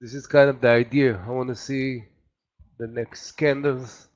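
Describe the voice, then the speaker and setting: A man who is not a native English speaker, a day trader talking casually and haltingly as he thinks aloud through live trades. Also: mid-range voice, steady tone. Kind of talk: casual live trading commentary.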